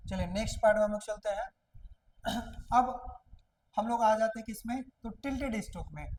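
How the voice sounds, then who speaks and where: A woman's voice: a little high, a little mellow, a little hiss or hum, low-quality recording. Woman teacher, patient step-by-step explaining. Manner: repeats questions and answers them herself, drawn-out words. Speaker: shorthand teacher. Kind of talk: classroom lesson explaining step by step.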